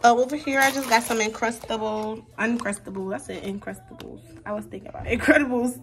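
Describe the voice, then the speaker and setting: A young college freshman speaks fast in a high-leaning voice, with slight background noise, while showing viewers around her small dorm room. She chats away, listing her belongings and addressing everyone as "y'all."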